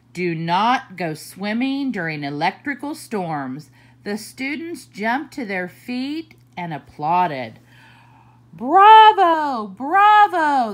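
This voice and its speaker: Reading a children's picture book for story time, a woman speaks at a medium pitch, taking it slow and deliberate with expressive swoops in her voice.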